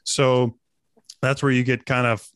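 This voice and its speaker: A man's voice: medium pitch, little pitch movement, measured pace, a bit bright, no echo. A man co-hosting a podcast in casual chat, rambling and restarting his sentences as he thinks aloud. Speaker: podcast co-host.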